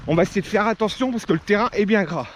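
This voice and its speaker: Speaking fast in a high voice, a French vlogger chats to the camera while running hill repeats outside in the rain. He talks between climbs in a casual style, with slight background noise.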